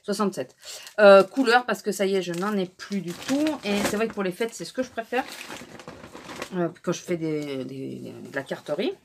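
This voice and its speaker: A woman's voice: mid-range voice, animated, moderate pace, vocal fry, noisy background. Woman, casual haul vlog, chatty, indignant, lots of fillers. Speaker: vlogger.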